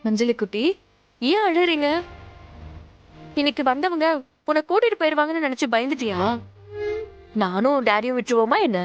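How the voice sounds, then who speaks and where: A tender young stepmother in a family TV drama, speaking gently and coaxingly to calm a crying little girl. Her voice sits slightly high, with soft music under the scene. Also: normal speed, pauses often, dull audio. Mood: soothing. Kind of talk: TV serial acting.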